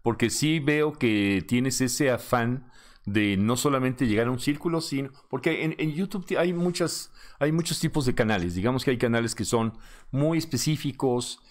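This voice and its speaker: An older man, a magazine director, interviewing a guest over a video call, asking long rambling questions with loud laughs. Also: mid-range voice, moderate pace.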